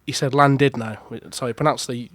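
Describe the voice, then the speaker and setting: A man's voice: mid-range voice, normal speed, no echo. A young man co-hosting a podcast, telling a story in a chatty way and laughing at his own jokes. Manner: chatty, self-amused storyteller. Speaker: podcast co-host. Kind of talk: casual podcast chat, storytelling.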